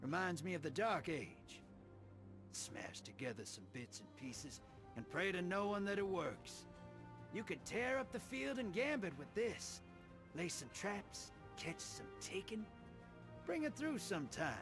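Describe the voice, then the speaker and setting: Casting: scrappy rough gambler, drawling and lively in pitch, with music behind. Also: male voice, unhurried, full character voice. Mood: laid-back. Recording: game cutscene with music underneath.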